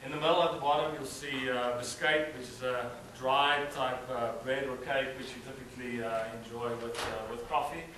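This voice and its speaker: A South African man, a native Afrikaans speaker, gives a hesitant slideshow presentation as a student at a cultural event in a hall. His mid-range voice moves at normal speed with hardly any pauses, though he relaxes into frequent "uh" fillers. The distant mic picks up the roomy hall and a slight hiss or hum.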